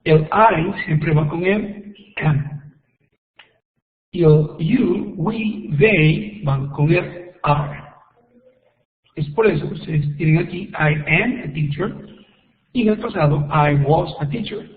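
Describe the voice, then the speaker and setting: A man gives an online English grammar lesson, walking through examples slowly and patiently. His voice sits a little high and his pace is unhurried. The audio is thin and phone-like, with a long echo from the room. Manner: slow, patient explaining with repeated examples. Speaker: English teacher. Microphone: computer microphone on a web call. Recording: echoey tinny web conference audio.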